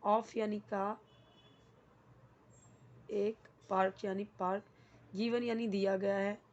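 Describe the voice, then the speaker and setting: A woman's voice: medium pitch, flat delivery, slow, a little mellow, dull audio. A woman teaching English vocabulary. She explains each word patiently, repeats it with its meaning, and asks and answers her own questions. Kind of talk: explaining English words in Hindi.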